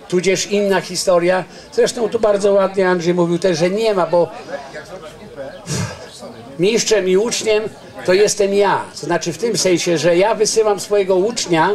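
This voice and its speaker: Older man lecturing, high-pitched voice. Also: darkish tone. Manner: earnest, digressive explaining with frequent restarts. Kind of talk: informal public lecture. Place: outdoors under a garden tent. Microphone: handheld microphone.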